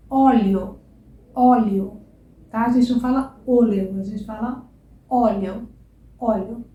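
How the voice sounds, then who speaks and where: A high-voiced Brazilian woman gives a pronunciation lesson at an unhurried pace. She stretches and exaggerates each vowel for the learner and checks in with a quick "right?". Her voice carries an echo, as from a bare room. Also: phone-quality sound. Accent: Brazilian Portuguese. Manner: stretches and exaggerates sounds to demonstrate, frequent checking "tá?". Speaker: Portuguese teacher. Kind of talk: language lesson to camera.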